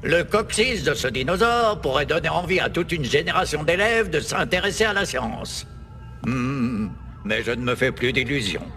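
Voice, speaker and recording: A man's voice: a little high, expressive, moderate pace, sharp tone, in a large hall, faint music behind. A man voicing a weary, stiff middle-aged school principal, hesitant and resigned, in a cartoon game dub. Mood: sheepish, resigned. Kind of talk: dubbed cartoon game dialogue.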